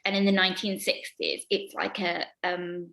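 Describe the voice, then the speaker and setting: A young actress telling backstage stories in an interview, rambling with lots of ums and hesitations. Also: female voice, level tone, normal speed, creaky, bright, forceful tone. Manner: rambling with many ums, acts out quoted lines in a high voice. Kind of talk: casual anecdote-telling.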